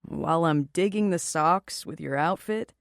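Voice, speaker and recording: Lady doing a smug chill guy voice, lower and softer, teasing, totally unbothered. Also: normal speed, vocal fry, no room sound, studio quality. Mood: amused. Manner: teasing, nonchalant. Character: amused, unbothered naked male stranger. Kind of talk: audiobook character voice.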